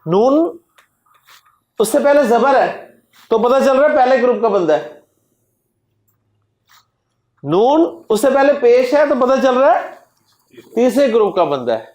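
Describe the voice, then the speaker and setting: Teacher quizzing a class, echoey room. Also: male voice, extremely high pitch, sing-song, darkish tone. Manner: drills word forms slowly, quizzing the class. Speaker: Arabic grammar teacher. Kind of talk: classroom lecture.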